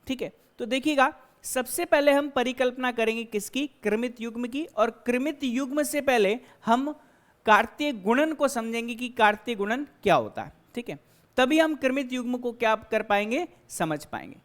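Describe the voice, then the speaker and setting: High-voiced woman teaching math step by step. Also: animated, moderate pace. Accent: Hindi-speaking Indian. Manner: explains step by step, asks and answers her own questions. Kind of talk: classroom lecture.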